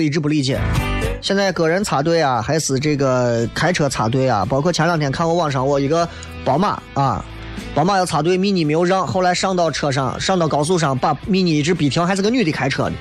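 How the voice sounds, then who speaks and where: A man's voice: on the high side, brisk. A man hosting a casual talk show, answering listener messages in a blunt, teasing, colloquial way. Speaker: host of an audio show. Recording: loud guitar music behind the voice. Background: guitar music.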